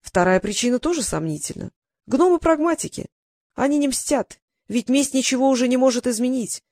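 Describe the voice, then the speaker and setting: A woman's voice: high-pitched, lively intonation, a little fast, a little mellow, dry recording. A woman reading as a wry, world-weary sultan. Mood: dismissive. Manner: dry, reasoning, sighing ironic tone. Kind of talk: audiobook character reading.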